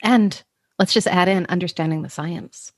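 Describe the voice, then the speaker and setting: A woman's voice: lowish voice, normal speed, no room sound, clean studio sound. A woman co-hosting a podcast, playful and acting out quoted lines in casual chat. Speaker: podcast co-host.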